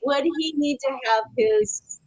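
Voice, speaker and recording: Chatty higher-voiced woman hosting a webinar. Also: expressive, takes it slowly, darkish tone, dry recording, low-quality recording. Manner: chatty, reads out viewer questions, many fillers. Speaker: webinar host. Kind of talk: live webinar Q&A.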